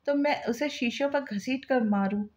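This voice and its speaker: A woman's voice: high voice, moderate pace, darkish tone, close to an everyday voice. A woman reading the lines of a protective, hot-tempered young man, spoken bluntly.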